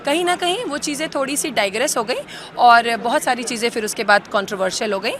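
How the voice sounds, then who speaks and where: A woman representing a university, giving a measured, explanatory statement to the press at an event. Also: on the high side, a bit bright. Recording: noisy crowd around.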